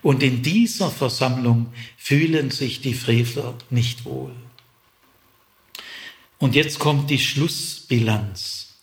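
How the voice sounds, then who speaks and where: A man's voice: mid-range voice, slow. A man explaining a psalm in a Bible lesson, reflective, with frequent hesitations. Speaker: Bible teacher.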